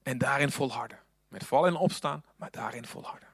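A man preaching a sermon, moving between hushed, whispered passages and loud, fervent appeals. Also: mid-range voice, a little fast, breathy edge, no room sound, studio quality.

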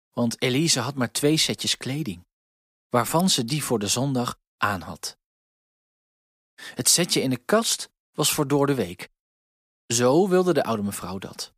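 A man reading a children's story aloud in a gentle, expressive way. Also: medium pitch, slightly rough, no echo, clean studio sound.

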